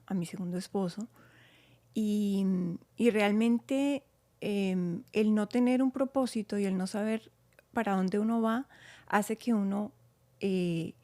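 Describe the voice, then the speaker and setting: A woman's voice: mid-range voice, warm tone. A woman, a guest on the panel, who shares her personal testimony hesitantly, with many fillers.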